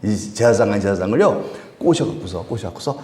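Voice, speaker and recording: A male pastor preaching at a Friday prayer service, animated, acting out the people he quotes and chuckling often. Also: on the low side, fast talker, echoey room. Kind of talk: sermon. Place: church sanctuary.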